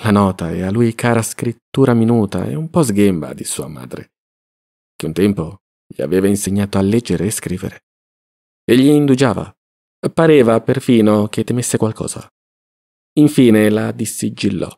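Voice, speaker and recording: Guy reading an audiobook, low voice, measured and literary. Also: expressive, vocal fry, dark tone. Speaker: audiobook reader. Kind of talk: scripted narration.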